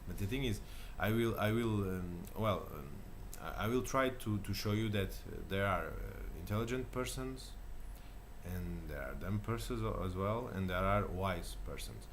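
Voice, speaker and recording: A man's voice: low-pitched, lively intonation, moderate pace, slight background noise. A man in his thirties from Portugal with a Portuguese accent, talking casually to camera as a channel host, hesitant with many fillers and restarts. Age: 30s. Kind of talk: casual self-recorded talk. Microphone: camera mic.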